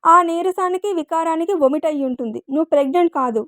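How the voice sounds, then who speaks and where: A woman's voice: very high voice, fast talker, a bit bright, no echo, clean studio sound, voice pushed up. A woman voicing a young man who teases, then turns protective and firm, in a storybook reading. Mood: stern. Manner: teasing, commanding, sarcastic.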